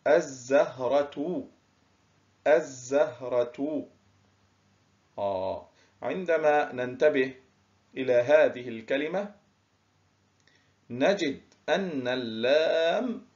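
A male primary school teacher giving a recorded lesson, stretching key words slowly and praising his pupils often. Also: mid-range voice, darkish tone, dull audio. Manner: slow, drawn-out word stress, praising pupils.

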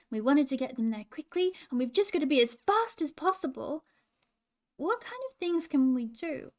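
A woman in a princess role, gently coaching children and asking them questions. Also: high-pitched.

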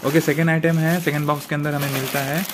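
A man's voice: a little high, little pitch movement, fast talker. Hesitant man unboxing gear on phone. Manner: hesitant, many fillers and restarts. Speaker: vlogger unboxing camping gear. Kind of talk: casual unboxing talk. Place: indoor room at a table. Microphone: handheld phone camera pointed at the table. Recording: noisy phone recording with room hiss.

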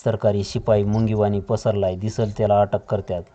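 A man's voice: lowish voice, little pitch movement, a little fast, dark tone, natural voice. A man voicing an anxious rural messenger who speaks in village dialect. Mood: distressed. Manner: rustic village speech. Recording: dull lo-fi audio.

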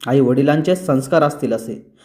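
A man reading the lines of a sharp-tongued older aunt who taunts the young women. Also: medium pitch, normal speed, close to an everyday voice. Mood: taunting. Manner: taunting, sneering.

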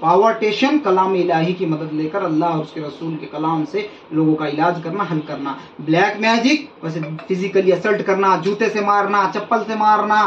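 A man's voice: sits high, normal speed, hardly any pauses, a little hiss or hum. A man who is a faith healer, preaching emphatically to an audience and repeating his warnings during a healing session. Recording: roomy, distant, dull sound.

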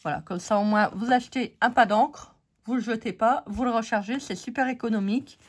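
A woman's voice: on the high side, fairly quick, a little hiss or hum. French woman losing her voice, chatty. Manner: chatty, many fillers, talks to viewers. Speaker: craft channel host. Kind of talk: casual craft haul chat.

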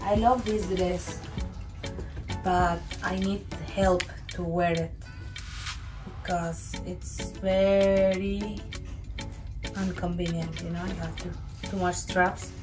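A woman's voice: lowish voice, fairly even intonation, slow, long pauses. Woman with a sleepy morning voice, vlogging. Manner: chatty, switches to Arabic greetings, laughs often. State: morning voice, just woken. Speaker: professional belly dancer vlogging her day. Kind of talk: casual vlog chat. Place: car, then changing room. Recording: loud music playing behind.

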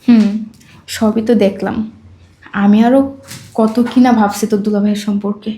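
A woman playing a young wife in a short film who tests her husband, speaking in a calm, matter-of-fact way. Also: medium pitch, moderate pace, roomy sound, natural voice.

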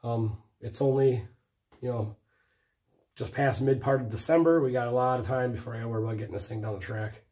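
A hoarse man casually rambling about his motorcycle project in his garage, swearing freely. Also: medium pitch, brisk, darkish tone. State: hoarse from a cough. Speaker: motorcycle racing vlogger. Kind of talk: casual chat. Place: home garage workshop.

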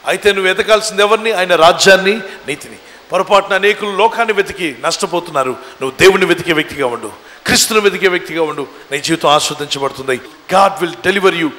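A man's voice: high voice, quick pace, pushed and bright. A man preaching an emphatic revival sermon, calling the congregation to answer back while an interpreter follows him. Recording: long echoey hall reverb.

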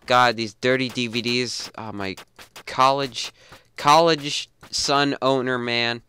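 A young man giving goofy, rambling commentary over a game he plays, mumbling low asides and then yelping, on a desk mic. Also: pushed and bright, smooth. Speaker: gamer. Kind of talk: casual let's-play commentary.

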